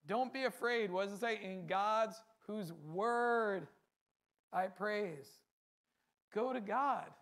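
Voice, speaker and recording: A man's voice: sits high, slow pace, fairly bright tone. A man preaching a sermon, speaking earnestly in a repetitive cadence and often asking rhetorical questions.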